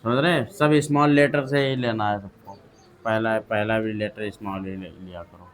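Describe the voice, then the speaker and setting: A man's voice: lowish voice, fairly even intonation, moderate pace. A male maths teacher with a Hindi accent, lecturing a class, drilling students with repeated questions and calling on pupils by name. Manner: calls on pupils by name to read aloud.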